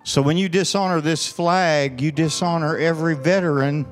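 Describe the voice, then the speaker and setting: A middle-aged man preaching a sermon as pastor, emphatic and building to forceful declarations. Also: on the high side, steady tone, moderate pace. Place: large church sanctuary, on stage. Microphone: handheld mic, then pulpit mic. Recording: long church hall reverb with faint music.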